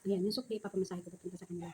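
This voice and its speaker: A woman's voice: lowish voice, darkish tone. A Filipino woman chatting casually to viewers while she eats, her speech shaped by missing front teeth. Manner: talks while eating, savouring with small hums. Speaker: vlogger. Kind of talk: casual mukbang chat to viewers. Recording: clearly noisy home recording, roosters behind.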